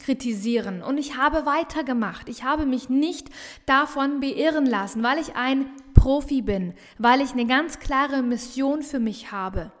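A business coach with a regional dialect delivers motivational solo podcast talk a little slowly, her fairly high voice bright and emphatic. She drives her points in through repetition, and her words echo on in a long reverb.

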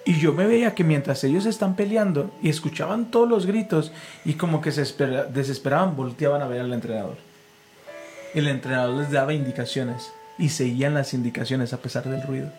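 A man's voice: fairly high pitch, a little fast, darkish tone, faint music behind, rough recording. A man, a pastor and podcast host, preaching casually, telling stories and leading a call-and-response prayer. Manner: leads call-and-response prayer, fervent and storytelling.

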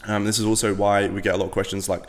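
A man's voice: fairly low pitch, flat delivery, very fast, in a large hall. A young man from Latvia, a podcast guest, chatting casually in a rambling way with lots of fillers and the odd swear word. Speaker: podcast guest, business owner.

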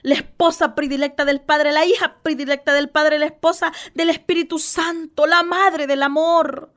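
A woman's voice: sits high, fairly even intonation, normal speed, a bit bright. A woman preaching a fervent, pleading radio sermon. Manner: fervent, pleading, with repeated exclamations of devotion.

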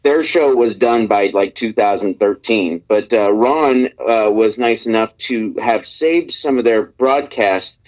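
A man's voice: fairly low pitch, measured pace, hardly any pauses. A man from Nebraska on speakerphone, guesting on a radio show in an easygoing, rambling chat full of fillers and restarts. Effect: heard over speakerphone. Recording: dull, muffled speakerphone line.

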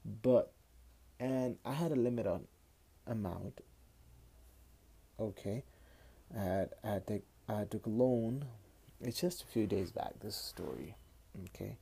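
Recorded on a phone, a late-twenties man with a Kashmiri accent rambles through a casual personal monologue as a podcast host, halting and frequently repeating words. He has a lowish, mellow voice with vocal fry and a breathy edge.

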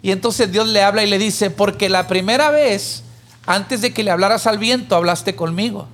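A man's voice: high-pitched, moderate pace. A man, co-hosting a church podcast and telling a parable in a conversational teaching style. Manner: animated storyteller who raises his voice for the pleading character. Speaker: podcast co-host.

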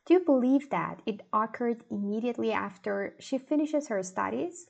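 Upbeat woman host, high voice. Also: expressive, normal speed, gravelly, darkish tone, breathy edge, muffled recording. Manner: upbeat, addresses listener directly with questions. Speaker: podcast host. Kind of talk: scripted podcast narration.

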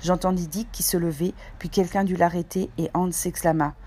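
Woman narrating a storybook, lowish voice. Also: a little hiss or hum. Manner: steady, measured storytelling. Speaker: audiobook reader.

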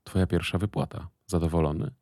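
A man's voice: sits low, steady tone, fast, vocal fry, dark tone, dry recording, studio quality. A man voicing a middle-aged woman who runs a business and worries about her son, speaking firmly and guardedly. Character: middle-aged woman boss, anxious protective mother.

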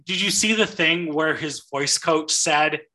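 A man's voice: fairly high pitch, measured pace, bright, forceful tone, a little hiss or hum. A man co-hosting a podcast, talking casually about movies with enthusiasm and frequent swearing. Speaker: podcast co-host.

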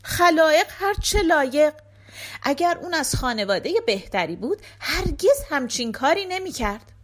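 A woman's voice: sits high, sing-song, voice pushed up. A woman voicing a proud, harsh rich merchant who speaks sternly and commandingly in a folktale reading. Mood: scornful.

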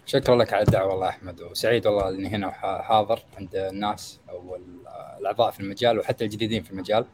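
A young man with a Gulf Arabic accent explaining conversationally as a guest expert, hesitant and pausing as he thinks aloud. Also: fairly low pitch, steady tone, a little mellow, slight background noise. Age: young adult. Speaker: guest expert in startup marketing.

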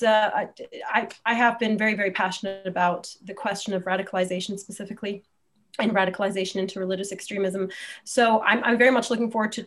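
A woman's voice: mid-range voice, fairly bright tone. Thoughtful Egyptian woman academic. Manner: thoughtful, hesitant with fillers. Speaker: guest academic. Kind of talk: interview answer.

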